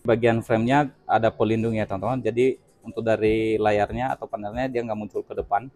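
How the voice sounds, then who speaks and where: A man's voice: on the low side, steady tone, a little fast, darkish tone. A man walks through a TV unboxing. He talks chattily and directly to his viewers as he handles the set. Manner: addresses viewers as teman-teman, chatty, explains while handling the product. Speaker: product reviewer. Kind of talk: casual unboxing review.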